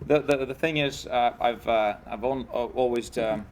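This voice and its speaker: Russian-accented man, halting casual chat. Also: medium pitch, a little mellow. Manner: halting, many fillers and restarts, joking. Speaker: guest.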